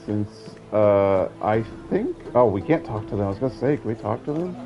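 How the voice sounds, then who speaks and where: A man's voice: fairly low pitch, animated, brisk. Man's casual, slightly muffled game commentary. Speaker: gaming commentator. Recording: muffled lo-fi sound, faint game music. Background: game audio with music.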